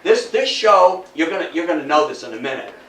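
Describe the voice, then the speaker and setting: A little fast and very animated, an older lecturer talks history to an audience in an indoor room, folksy and conversational, with rhetorical questions for his listeners. His high-leaning voice is creaky and a bit bright, picked up by a distant mic in a roomy space with faint noise.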